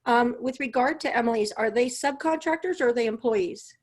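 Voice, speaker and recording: A woman's voice: fairly high pitch, brisk, darkish tone. A woman hosting a group Q&A, chatting in a friendly, casual way over a video call.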